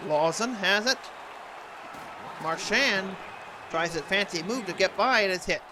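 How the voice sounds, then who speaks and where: Man putting on a high-pitched hockey announcer. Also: unhurried, crowd noise, background noise. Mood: focused. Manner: clipped present-tense calls, announcer impression. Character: earnest male TV hockey play-by-play announcer. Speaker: play-by-play announcer. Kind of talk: hockey video game commentary.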